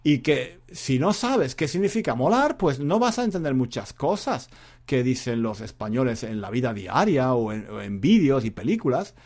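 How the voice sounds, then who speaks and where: A male language teacher talks in a relaxed, meandering way. His pitch rises and falls a lot as he speaks, and he often circles back on his own words. It feels like an informal spoken lesson. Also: moderate pace. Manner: rambling, chatty, often repeating himself. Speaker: Spanish teacher and podcaster. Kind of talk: casual spoken lesson monologue.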